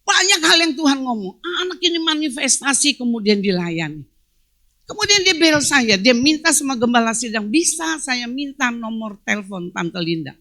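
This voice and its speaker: An older woman pastor delivers a church sermon in a high, bright, forceful voice. She swings between ringing shouts and hushed, intimate storytelling. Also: sing-song, normal speed. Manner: impassioned preaching, rising to shouts and dropping to hushed storytelling. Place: church service.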